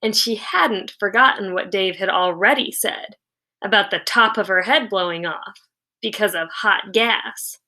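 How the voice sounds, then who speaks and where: Reading from a children's novel in a teacherly manner, this mid-range female voice tells the story expressively and gives key words pointed, theatrical stress. The recording quality is rough.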